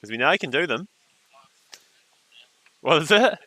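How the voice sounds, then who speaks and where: A man's voice: on the high side, animated, normal speed, bright, forceful tone, no room sound, low-quality recording. A man commentating a surf contest on a live stream, with laid-back, joking banter.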